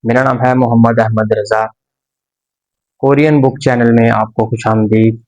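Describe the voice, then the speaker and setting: A man teaching a language lesson, explaining slowly and patiently with pauses and repetitions. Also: mid-range voice, fairly even intonation, darkish tone, low-quality recording.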